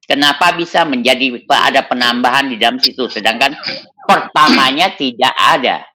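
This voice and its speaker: A man debating in an online voice room, talking in a forceful, tense voice. He presses his point and repeats himself to hold the floor, and he cuts in on the other side. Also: medium pitch, moderate pace. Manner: insistent, repeats his questions.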